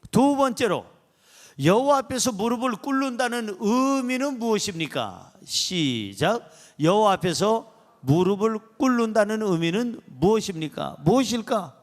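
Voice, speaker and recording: A man's voice: sits high, expressive, unhurried. A male pastor preaching a sermon in a church, leading the congregation in call-and-response and acting out scenes as he tells stories. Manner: acts out dialogue in storytelling.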